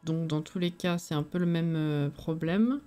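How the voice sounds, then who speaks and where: A woman's voice: low voice, fairly even intonation, measured pace, dark tone, smooth. Lisping, tired woman streamer from a game stream. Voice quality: lisp with slushy, zozotant s sounds. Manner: colloquial, thinking aloud. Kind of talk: casual live game stream commentary. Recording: voice over background music. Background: music.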